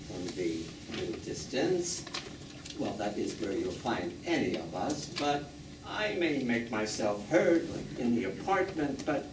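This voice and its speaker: Onstage in a small theatre, an actor plays a proud, wistful old dead man, delivering a monologue straight to the audience. His medium-pitched voice muses philosophically in a deliberate, theatrical and emphatic manner. Recorded from the audience, the sound is distant, echoey and noisy.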